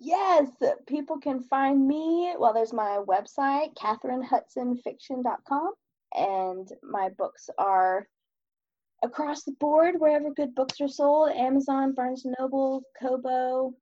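Husky, higher-pitched woman in casual interview chat. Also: unhurried, mellow, no room sound. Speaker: author, podcast guest. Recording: dull, lo-fi band-limited audio.

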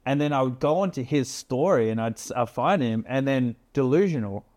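A man hosts a podcast in a relaxed, rambling manner, swearing freely and trailing off into "like" and "um". His voice sits at an ordinary middle pitch. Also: brisk. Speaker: podcast host. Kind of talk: casual chat.

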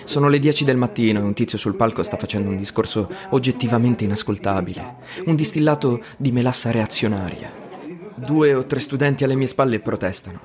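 A man's voice: mid-range voice, a little fast, a crowd in the background. A man narrating a story in the first person, wry and ironic in tone.

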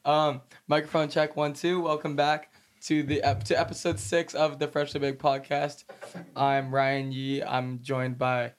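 A man's voice: a little high, flat delivery, measured pace. A man hosting a casual, slangy podcast with friends, sounding sick and tired with a shot voice. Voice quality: worn-out voice from being under the weather. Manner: slangy, joking. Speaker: podcast host.

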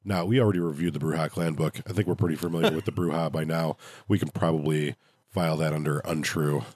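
A man's voice: very deep voice, steady tone, fast, a little mellow, no echo, studio quality. A man hosting a podcast in casual review talk, with a nasal voice stuffed up from a cold. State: congested from a cold. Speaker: podcast host.

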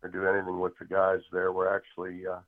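A man's voice: deep voice, completely flat delivery, fast. A man from a band, a guest talking in a folksy, rambling way full of fillers, heard over a tinny phone line. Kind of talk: casual interview chat.

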